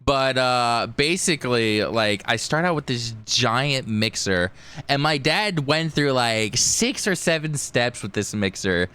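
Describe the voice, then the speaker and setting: A man's voice: medium pitch, animated, a little slow, pushed and bright, clear, resonant tone. A man hosting a podcast as a streamer, chatting casually in a rambling way peppered with "like". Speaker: podcast host and VTuber streamer. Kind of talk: casual chat.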